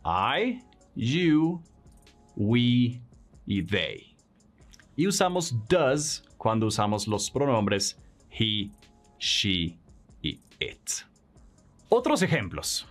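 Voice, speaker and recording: A male English teacher speaks slowly and deliberately, his pitch rising and falling in a lively, animated way as he models each example. He moves between English sentences and Spanish explanations with patient encouragement, and faint music plays softly behind him. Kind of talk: explanatory language lesson.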